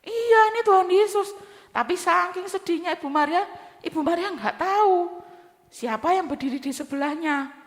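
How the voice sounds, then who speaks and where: A woman teaching Sunday school, telling a story to children in a sing-song, animated way and speaking to them directly. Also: very high voice, normal speed, long reverb tail.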